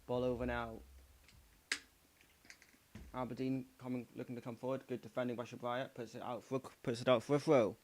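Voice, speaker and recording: A man giving casual live play-by-play as a fan streamer, slightly croaky, cheering his side and scolding chat. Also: medium pitch, little pitch movement, fairly quick, long pauses, a little mellow, slight background noise. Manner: partisan, addresses chat as "mate" and "pal", urges his team on. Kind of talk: casual live match commentary.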